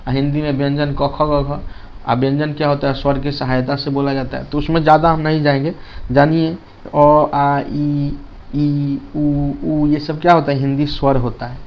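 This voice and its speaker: Guy teaching english grammar in hindi, keeps repeating and quizzing, slightly high voice, muffled lo-fi audio. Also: flat delivery, moderate pace. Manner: repeats key words, asks students rhetorical questions. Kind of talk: classroom lesson in Hindi with English terms.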